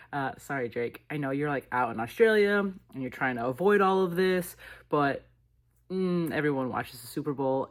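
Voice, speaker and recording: A woman chatting excitedly as a vlogger, reviewing a show in casual commentary with lots of fillers. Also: sits low.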